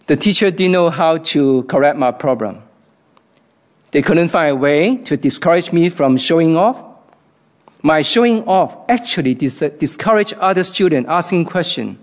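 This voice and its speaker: A man from Hong Kong with a Hong Kong accent, giving an earnest, reflective devotional talk. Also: fairly high pitch.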